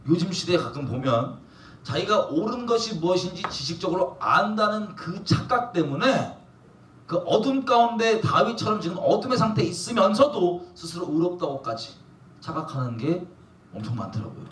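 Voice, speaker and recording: A man's voice: sits high, sing-song, moderate pace, fairly bright tone, a little hiss or hum. A man preaching a sermon as a pastor, emphatic and questioning the congregation. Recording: echoey room from a distance.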